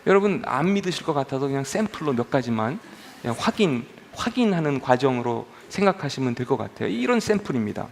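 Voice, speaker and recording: A man's voice: mid-range voice, big pitch swings, quick pace, vocal fry, slight background noise. A man preaching a sermon as pastor, conversational and humorous, often asking the congregation questions.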